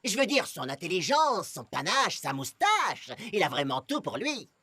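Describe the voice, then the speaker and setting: A man's voice: sits high, wildly swooping pitch, unhurried, heavy background noise, heavily acted. A man voicing a vain, scheming cartoon villain posing as a heroic hedgehog, with a pompous, gloating and theatrical delivery. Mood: boastful, insistent. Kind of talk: animated series dubbing.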